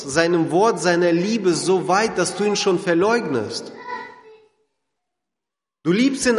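Guy preaching in a church hall, goes quiet and intense, lots of room echo. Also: high-pitched. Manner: dramatic, drops to quiet intense tones; addresses listeners directly. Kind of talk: sermon. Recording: echoey hall with long reverb.

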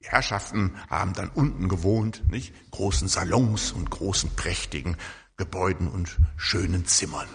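An older man preaching a sermon, telling stories in a lively way and often tagging his sentences with a questioning "right?". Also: deep voice, moderate pace, creaky, slightly rough, big-room sound. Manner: lively storytelling with frequent tag questions.

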